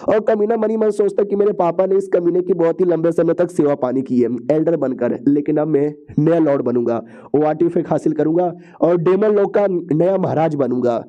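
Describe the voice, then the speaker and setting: A man's voice: a little high, a little fast. A man narrating a comic-book story recap in a chatty, slangy way, often repeating phrases. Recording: dull lo-fi recording.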